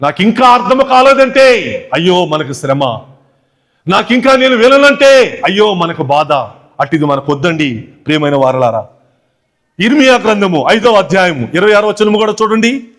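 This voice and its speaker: Pastor, male, high voice, emphatic sermon delivery with repeated phrases and pointed questions. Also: lively intonation, normal speed, fairly bright tone. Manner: emphatic, repetitive preaching with rhetorical questions. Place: church watch night service.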